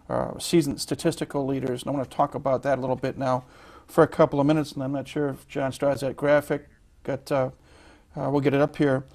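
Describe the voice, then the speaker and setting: A man's voice: mid-range voice, gravelly, darkish tone. A man hosting a college sports interview show, reading player statistics with frequent fillers and restarts. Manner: reads stats haltingly with many fillers. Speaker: host.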